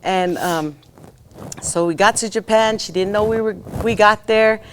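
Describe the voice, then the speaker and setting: A woman's voice: medium pitch, a little slow, slight background noise. Rambling woman telling a family story. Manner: rambling, animated, many fillers. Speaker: podcast co-host. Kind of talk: casual storytelling chat.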